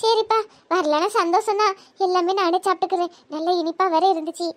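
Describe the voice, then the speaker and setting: A woman's voice: extremely high pitch, a little fast. A woman voicing a chatty, playful young sister-in-law in a Tirunelveli Tamil accent, coaxing and teasing. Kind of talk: cartoon comedy voice acting.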